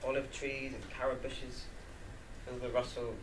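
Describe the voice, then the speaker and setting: A performer in a rehearsed play reading, acting a wistful, self-doubting young character, earnest and halting. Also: medium pitch, little pitch movement, natural voice. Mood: wistful, bitter. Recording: distant mic, noisy background.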